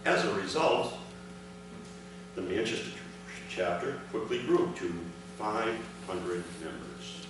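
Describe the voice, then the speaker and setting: In a large, echoey event hall, a man reads his father's written memoir aloud at a commemoration, delivering the first-person account in measured, separated phrases. His voice sits on the low side and sounds animated. The distant microphone picks up clear background noise.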